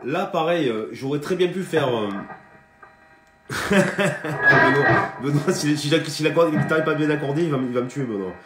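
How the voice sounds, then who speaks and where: A man's voice: a little high, normal speed. Chatty man teaching guitar live. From France. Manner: chatty, hesitant, many fillers and restarts; greets viewers by name between explanations. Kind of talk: casual live guitar lesson. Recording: roomy sound with guitar playing.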